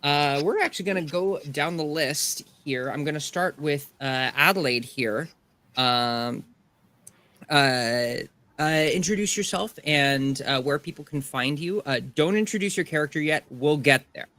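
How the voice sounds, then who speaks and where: A woman hosting as game master of a tabletop game stream, speaking haltingly with many fillers. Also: low voice, a bit bright. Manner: halting, many ums and uhs.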